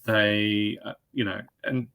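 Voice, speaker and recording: A man's voice: fairly low pitch, level tone, slow pace, vocal fry, sharp tone, clear, resonant tone. A man with an Australian accent, hosting an interview on a video call, earnest and repeating words for emphasis. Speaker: interview host, head chef. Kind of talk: conversational interview.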